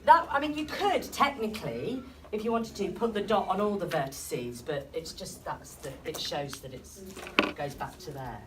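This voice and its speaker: Lively woman teacher in a classroom. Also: lowish voice, normal speed. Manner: questioning students, encouraging. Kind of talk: classroom lesson. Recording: distant classroom recording with noise.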